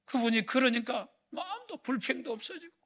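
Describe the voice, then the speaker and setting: A pastor delivers a Sunday sermon in a high, gravelly, husky voice. He swings from rising shouts down to near-whispers, and his pitch leaps around with bright, pushed intensity. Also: animated, fairly quick. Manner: impassioned preaching that swings from shouts to hushed whispers. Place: church sanctuary.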